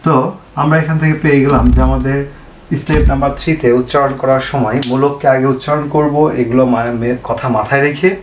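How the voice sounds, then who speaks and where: Male chemistry teacher, mid-pitched, self-questioning lesson style, roomy echo with faint hiss. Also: steady tone, quick pace. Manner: asks questions and answers them himself, repeats key points. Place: home room, fan switched off. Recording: echoey room, faint noise.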